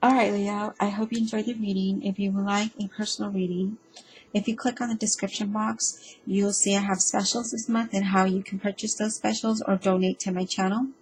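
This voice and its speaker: A woman reads tarot cards aloud in a relaxed, off-the-cuff way, addressing the listener directly. She stops and starts often, repeating herself and filling pauses with ums. Her voice sits at an ordinary middle pitch, with a faint ambient hum behind her. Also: rough recording. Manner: hesitant and halting, with frequent ums and self-repeats. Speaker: tarot reader. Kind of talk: casual spoken tarot reading.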